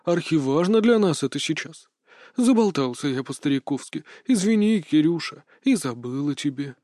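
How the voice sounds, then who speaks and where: A cackling old sorcerer with a raised, mellow voice, as a male reader puts him on, chatty and mock-tender as he coaxes his victim. The recording is dry and close, with a folksy, creeping menace under the friendliness. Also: on the high side, lively intonation, normal speed, no echo, lightly acted. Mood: sly. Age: older.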